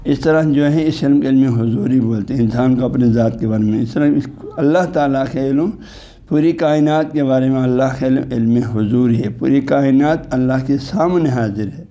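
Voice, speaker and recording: A man, a religious scholar, lecturing patiently and explaining step by step. He often checks in with his listeners and slowly recites Arabic scripture and technical terms. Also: medium pitch, dark tone.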